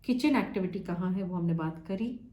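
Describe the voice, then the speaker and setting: Hindi-English teaching woman, mellow, echoey. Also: on the low side, fairly quick. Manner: explains in lists, checks in with "ठीक है?" and "right?"; mixes Hindi with English phrases. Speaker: vastu course teacher. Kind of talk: live online lesson.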